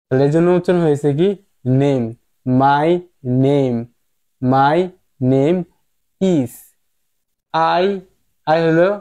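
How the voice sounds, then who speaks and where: A man, an English teacher giving a slow phonics lesson, repeating words and asking rhetorical questions. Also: on the high side, mellow.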